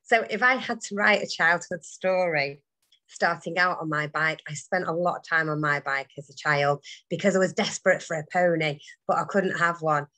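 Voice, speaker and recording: A woman's voice: on the low side, moderate pace, pushed and bright. A middle-aged woman giving a chatty impromptu speech over a video call about her childhood, with laughter slipping into her words. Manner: chatty, laughing as she talks.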